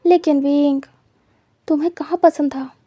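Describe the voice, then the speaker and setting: Menacing possessive young man voiced by a woman, low quiet taunts, mellow dark tone, dry sound. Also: fairly even intonation, unhurried, no room sound.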